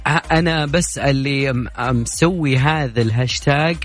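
A man's voice: mid-range voice, normal speed, faint music behind. A young man with a Saudi accent hosting a casual late-night radio call-in show, chatty and joking as he reads listener messages aloud. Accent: Saudi Gulf Arabic. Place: radio studio. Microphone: studio microphone.

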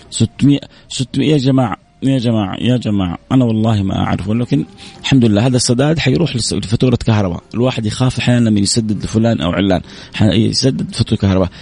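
A man hosting a call-in radio show, his voice hoarse, reading out listener messages with devout phrasing. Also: mid-range voice. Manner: reads listener messages aloud, warm religious phrasing.

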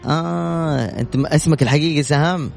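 A man hosting a call-in radio show, talking fast and teasing his callers. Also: on the high side, gravelly, a little mellow, faint music behind. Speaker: radio host. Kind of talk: lively call-in radio chat.

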